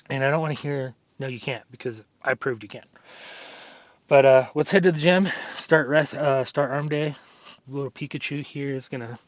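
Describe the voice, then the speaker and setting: A man's voice: medium pitch, no echo. A man talking casually to camera in a fitness vlog, rambling loosely and often tagging lines with "like" and "right?". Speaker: fitness vlogger.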